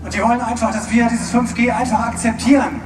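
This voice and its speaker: A man interpreting a speech live at an outdoor rally, loud and halting, sometimes shouting. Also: very high voice, steady tone. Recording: distant, echoey PA with loud crowd and music.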